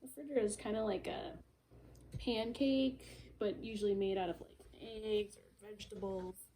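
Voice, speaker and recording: A woman's voice: medium pitch, fairly even intonation, a little slow, dark tone, a little hiss or hum, low-quality recording. A woman reading a chapter book aloud to a young child, stopping to explain words.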